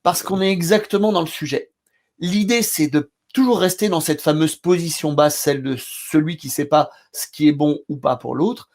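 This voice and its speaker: A man with a French accent, a therapy trainer, chatting with a colleague and telling session stories in an animated way. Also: fairly high pitch, normal speed. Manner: animated storyteller, acts out scenes loudly. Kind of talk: casual discussion between therapists.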